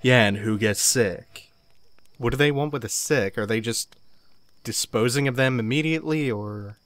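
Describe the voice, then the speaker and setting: A man's voice: mid-range voice, normal speed, a bit bright, no room sound. Wry, casual male game commentator. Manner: casual, wry, swears freely. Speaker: gaming commentator. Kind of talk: let's-play commentary.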